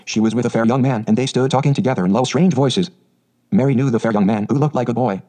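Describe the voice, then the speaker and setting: A man narrating an audiobook in a brisk, steady storytelling manner. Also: medium pitch, rough recording.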